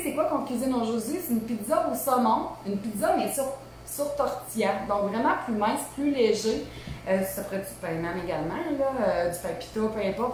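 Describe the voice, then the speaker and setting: A woman's voice: fairly high pitch, a little mellow. A woman in her thirties with a Québécois accent, hosting a casual live cooking demo from her home kitchen, chatty and informal with many asides. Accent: Québécois French. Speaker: cooking show host. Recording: very echoey room, faint hum.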